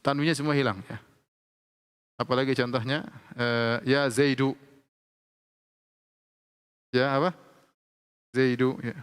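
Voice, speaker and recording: A man teaching Arabic grammar in a lecture, explaining slowly and repeating each example with frequent checks of "ya". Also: medium pitch, fairly even intonation, clean tone. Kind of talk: classroom lecture. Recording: long hall reverb.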